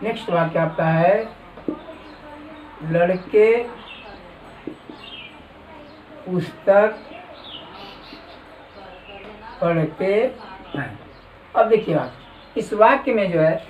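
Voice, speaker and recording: A man teaching a classroom lesson, slowly dictating words for students to copy. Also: sits high, highs cut off, slight background noise. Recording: echoey room from far off.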